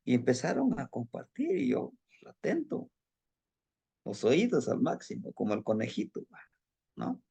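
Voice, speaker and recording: Slow gravelly-voiced man teaching. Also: mid-range voice, wildly swooping pitch, warm tone. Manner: storytelling, acting out a student's account; addresses listeners as brothers, asks rhetorical questions. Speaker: teacher of Nahua tradition. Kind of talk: spoken teaching to a group.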